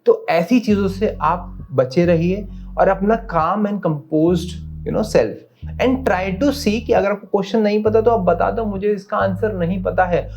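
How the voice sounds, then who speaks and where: A man's voice: sits high, takes it slowly. A young man giving a career lesson, switching between Hindi and English and often checking in with "right?". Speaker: career coach. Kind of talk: explanatory video lesson. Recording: dull sound with soft guitar music behind.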